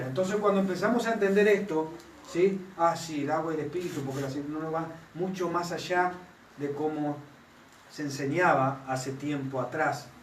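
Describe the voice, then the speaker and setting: A man delivers a sermon, checking in with his listeners again and again. His voice sits a little high for a man. He is recorded from some way off in an echoey room. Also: a little hiss or hum. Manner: asks the congregation for constant confirmation. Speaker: pastor. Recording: echoey room, mic at a distance.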